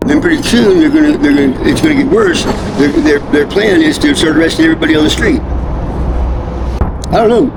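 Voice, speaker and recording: A middle-aged American man with a folksy country drawl, chatting casually in a rambling, halting, profane way. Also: very animated, music in the background. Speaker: homeless interviewee. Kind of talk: casual street chat. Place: outdoors near railroad and traffic. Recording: noisy outdoor recording with traffic rumble.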